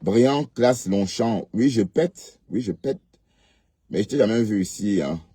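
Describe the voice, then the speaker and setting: A man's voice: fairly low pitch, expressive, normal speed, mellow, breathy edge, dry recording. A man hosting a casual live stream, reading comments and scolding viewers with rhetorical questions.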